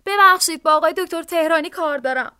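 A woman's voice: extremely high pitch, pushed and bright, no room sound, clean studio sound, voice pushed up. A woman voicing a tearful, upset young woman who speaks in a choked, pleading way. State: crying.

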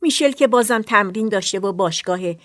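A woman's voice: mid-range voice, no room sound, clean studio sound, close to an everyday voice. A woman voicing a middle-aged mother who answers offhandedly while watching television, heard from off-mic. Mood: offhand. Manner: offhand, absent-minded.

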